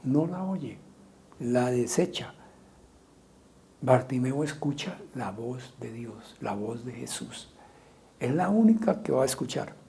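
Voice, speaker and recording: A man preaching a sermon as pastor, asking repeated rhetorical questions and loudly acting out quoted cries. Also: mid-range voice, animated, slow, vocal fry, pauses often. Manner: rhetorical questions, dramatic quoting of shouts.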